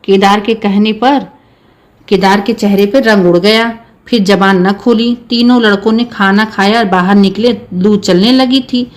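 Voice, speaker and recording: A woman teacher reading a short story aloud in a steady storytelling way. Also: medium pitch, a little slow.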